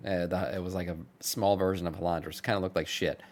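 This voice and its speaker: A man's voice: low voice, fairly even intonation, fast. A man streamer giving casual reaction commentary, blunt and chatty, swearing offhand.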